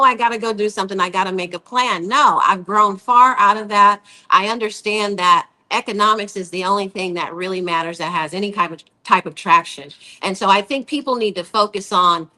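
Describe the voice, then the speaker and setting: Blunt, cursing woman with a bright voice. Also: mid-range voice, a little fast. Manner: blunt, profane ranting. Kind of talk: casual political chat.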